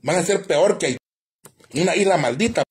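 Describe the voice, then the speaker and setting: A man's voice: fairly high pitch, expressive, moderate pace, slightly rough. A man delivering a preachy, insulting rant on a live stream, in the tone of a doom-laden prophecy. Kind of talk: ranting live-stream monologue.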